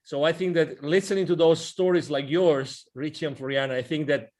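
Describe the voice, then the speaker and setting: The host, a man in his forties, has a darkish voice on the higher side, with a steady tone and a slightly quick pace. He leads a casual interview on a video call using a wired earphone mic, sitting indoors before a virtual backdrop, eager, gesturing with his hands, and restarting often.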